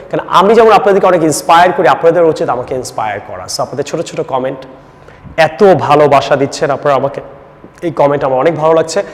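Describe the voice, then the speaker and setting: A man with a Bangladeshi accent teaching a spoken English lesson, drilling example sentences slowly between explanations. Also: a little high, big-room sound.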